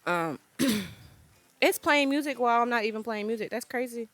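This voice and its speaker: A woman's voice: fairly high pitch, expressive, normal speed, a bit bright, no room sound. A woman hosting her own podcast, talking casually and animatedly to her listeners, with playful asides to her team. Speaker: podcast host. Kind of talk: casual solo podcast chat.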